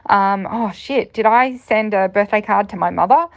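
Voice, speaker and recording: A woman playing her scatterbrained inner voice, musing airily off topic. Her slightly raised pitch keeps a gravelly texture. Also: normal speed, dull audio, lightly acted. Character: scatterbrained distracted inner voice, female.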